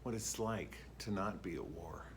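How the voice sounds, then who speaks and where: A man's voice: deep voice, normal speed, noisy background. A middle-aged man, a band director, chatting casually to camera in a vlog and musing aloud as he goes about his day. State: a little out of breath.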